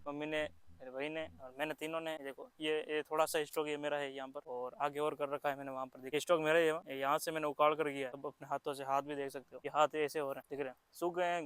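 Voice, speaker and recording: Young male farm vlogger, quick rambling chat, bright crisp voice on a dry close handheld mic. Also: fairly high pitch, dry recording. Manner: chatty, rambling, with restarts and fillers. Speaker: farming vlogger. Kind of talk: casual outdoor vlog narration. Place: open farm field outdoors.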